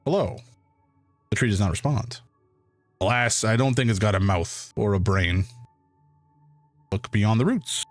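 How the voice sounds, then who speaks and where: A man streaming a fantasy role-playing game, reading its text aloud with playful, excitable commentary. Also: fairly low pitch, normal speed, pauses often, dry recording, faint music behind.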